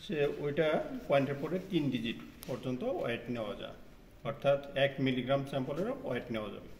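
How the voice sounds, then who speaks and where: A man's voice: medium pitch, fast talker, darkish tone. A man guiding students through a laboratory, naming each machine and explaining its use step by step. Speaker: lab instructor. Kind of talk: lab equipment tour explanation. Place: large echoey laboratory. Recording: roomy echo, long reverb, faint noise.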